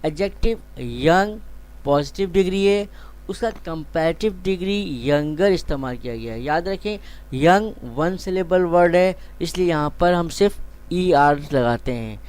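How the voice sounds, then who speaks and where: Slow, crisp-voiced male grammar teacher. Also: a little high, expressive, a little mellow. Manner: slow, deliberate explanation, drawing out example words. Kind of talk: grammar lecture.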